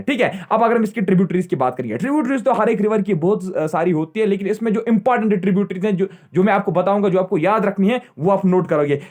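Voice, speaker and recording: A young man with a notably high voice teaches an exam-prep geography lesson. He drills key points over and over and checks in with his students after nearly every sentence. He keeps quizzing them and then answering his own questions. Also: a little mellow. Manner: repetitive, checks in with "theek hai" constantly.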